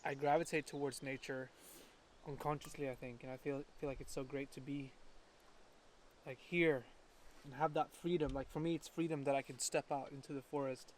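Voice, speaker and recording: A man's voice: medium pitch, little pitch movement, slight background noise. A man, chatting in a reflective, hesitant way in a casual vlog. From Sweden. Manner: reflective, hesitant, halting restarts. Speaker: vlogger. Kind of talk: casual chat. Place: countryside home, birds around.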